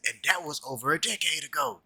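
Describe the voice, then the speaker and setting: A man's voice: on the high side, fast talker, breathy edge, dry recording. A man in his twenties chatting casually about cartoons, rambling with lots of filler words. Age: 20s. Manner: animated, rambling with many "like" fillers. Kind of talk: casual chat.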